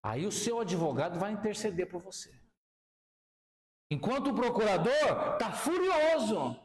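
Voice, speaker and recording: A man preaches with a strikingly high voice that rings in an echoey room. His sermon is animated and full of questions thrown to the congregation. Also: unhurried.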